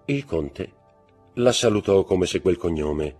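A man reading a classic novel aloud in expressive, dramatic narration that swings in pace and volume. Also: deep voice, slow, breathy edge, soft background music. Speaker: audiobook reader.

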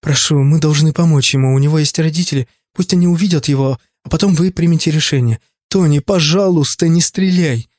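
A man's voice: on the high side, fairly quick, darkish tone, breathy edge, no echo, studio quality. A man voicing a frightened pleading young woman. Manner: pleading, urgent.

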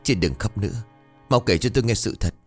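A man's voice: fairly low pitch, a little fast, breathy edge, soft background music. A man voicing an impatient young woman demanding the truth. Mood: urgent.

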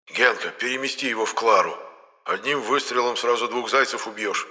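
A man's voice: medium pitch, brisk, sharp tone, big-room sound. A fussy, squeamish one-eyed ghost, as a man puts him on. He comes across as nervous, and it is read as an audiobook.

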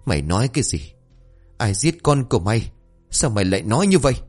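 A man's voice: medium pitch, sing-song, rapid-fire, darkish tone, breathy edge, faint music behind. Shocked older woman demanding answers, played by a man. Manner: trembling, demanding questions.

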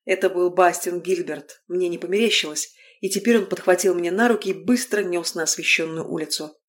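A woman reads a first-person fantasy novel aloud as an audiobook narrator. Her telling is wry and lively, with quick asides to the listener. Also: lowish voice.

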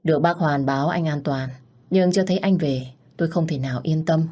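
A woman narrating a first-person love story in a gentle, emotional reading voice. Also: low voice, brisk.

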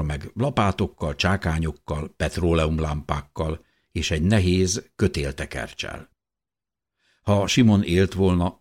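Low, husky male narrator for a first-person audiobook; measured, expressive delivery.

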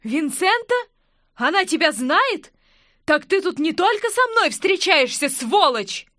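A woman voicing a jealous, hot-tempered young blonde woman who scolds in a shrill voice. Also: very animated, unhurried, pushed and bright, no room sound, studio quality, full character voice. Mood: shocked.

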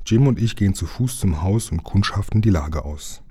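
A man voicing a calm, friendly engine driver while reading a children's book aloud. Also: low voice, moderate pace, husky.

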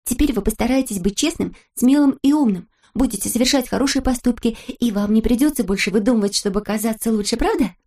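A woman voicing a kind little girl who speaks softly and coaxingly, as in a storybook. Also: a little high, quick pace, hardly any pauses, voice pushed up. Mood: gentle. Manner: soft, coaxing and affectionate. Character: gentle, kind little girl comforting a friend.

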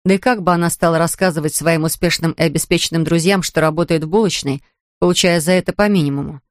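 A woman narrates a novel in an even, measured storytelling voice. The recording is dry and close, with no room echo. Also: deep voice. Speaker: audiobook narrator. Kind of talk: scripted narration.

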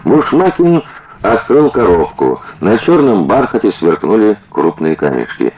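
A male narrator reads a story in a very deep voice that moves expressively. His delivery keeps an even storytelling flow, and the recording sounds somewhat dull and muffled. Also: measured pace, a crowd in the background. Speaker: audiobook narrator. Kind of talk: scripted audiobook narration.

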